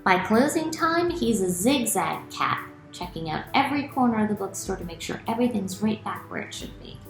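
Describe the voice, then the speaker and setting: A middle-aged children's author reads aloud and explains things expressively to children in a small room at home. Her medium-pitched voice moves fairly quickly, and the room echoes with faint music behind her.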